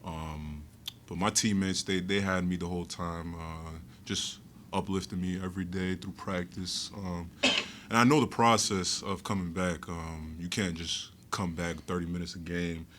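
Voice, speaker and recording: A young college basketball player answering postgame questions in a measured way, with many pauses and fillers. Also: male voice, low voice, fairly even intonation, fairly bright tone, a little hiss or hum. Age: young adult. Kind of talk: postgame press conference answers.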